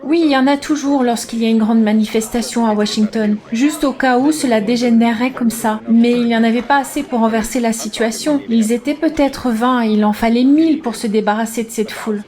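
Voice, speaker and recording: A woman's voice: a little high, a little fast, few pauses, darkish tone, natural voice. A woman dubbing a candid, matter-of-fact intelligence contractor in a conversational voice-over. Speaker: voice-over dub of an interviewee.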